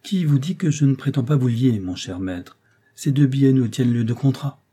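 A man reading the lines of a wealthy, courteous gentleman in an audiobook, with a firm, insistent manner. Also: on the low side, steady tone, moderate pace, lightly acted. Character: wealthy gracious male gentleman, older suitor.

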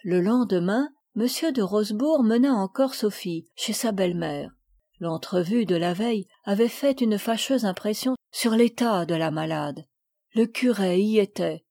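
A woman reading a classic novel aloud as an audiobook, in a clear, measured way. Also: mid-range voice, warm tone. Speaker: audiobook reader. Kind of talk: scripted narration of a classic novel.

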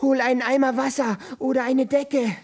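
A woman's voice: on the low side, a little slow, darkish tone, breathy edge. A woman voicing a nervous, bumbling, asthmatic costumed hero who stammers and frets in a children's radio drama. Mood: alarmed. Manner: stammering, fretful.

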